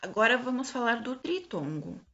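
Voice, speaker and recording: Woman teacher, fairly high and bright, very slow remote lesson with frequent check-ins, dull lo-fi recording. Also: big pitch swings. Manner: slow, patient, stretches example words out syllable by syllable, frequent check-ins. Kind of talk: remote grammar lesson for pupils.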